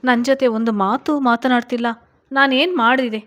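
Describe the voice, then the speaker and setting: A woman's voice: a little high, steady tone, moderate pace, fairly bright tone, voice pushed up, natural voice. A woman voicing a hurt, pleading young wife.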